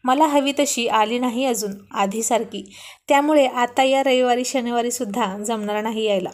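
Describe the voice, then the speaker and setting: A woman's voice: a little high, moderate pace, close to an everyday voice. Storybook role: playful young husband, read by a woman, light and teasing.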